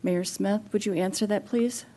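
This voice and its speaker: A woman resident giving formal public comment at a council meeting, speaking in a measured, deliberate way. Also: mid-range voice, steady tone, dark tone, slight background noise. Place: city council chamber.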